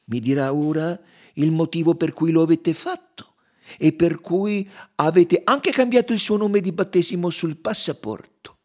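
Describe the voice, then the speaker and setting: A man's voice: fairly high pitch, measured pace, a little mellow, pitched above the performer's own voice, lightly acted. A man voicing a shrewd, insistent detective. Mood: probing. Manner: insistent, pointed questioning. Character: shrewd probing male detective, middle-aged.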